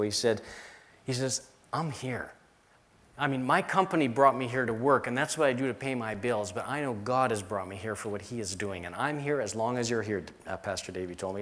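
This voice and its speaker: A middle-aged man, a pastor from the United States, preaching a sermon and telling stories with emphatic repetition. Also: medium pitch.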